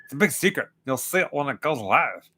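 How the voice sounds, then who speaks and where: A man in his forties jokes around on a livestream and thanks viewers as he goes. His pitch swoops up and down a lot, and his tone is very bright. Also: brisk. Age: 40s. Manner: animated and joking, thanks viewers. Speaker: co-host of a horror watch-party stream. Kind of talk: casual livestream chat.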